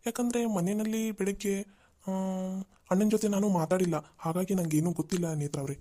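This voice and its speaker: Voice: mid-range voice, fairly even intonation, a little fast, dark tone, slight background noise, natural voice. A performer voicing a friendly young man at the office who chats in a worried, rambling way. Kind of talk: cartoon voice acting.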